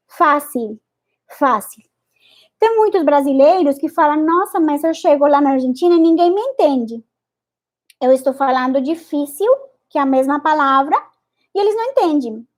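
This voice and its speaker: High-voiced woman teacher. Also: darkish tone. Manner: repeats each word several times, deliberately exaggerated articulation. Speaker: Spanish teacher. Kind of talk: pronunciation lesson.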